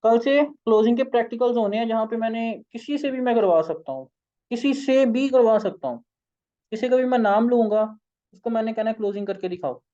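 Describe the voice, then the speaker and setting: Hoarse, tired Pakistani man coaching sales. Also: very high voice, a little fast, mellow, highs cut off. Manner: informal, coaxing, keeps saying "okay". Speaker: sales trainer and company founder. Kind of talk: online sales training session.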